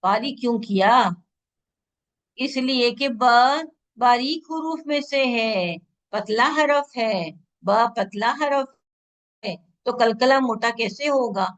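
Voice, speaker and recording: Woman, Quran recitation teacher, high voice, very slow deliberate drilling, quizzes her class often. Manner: drills syllables slowly and repeats them for students; quizzes students with quick questions. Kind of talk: online tajweed lesson.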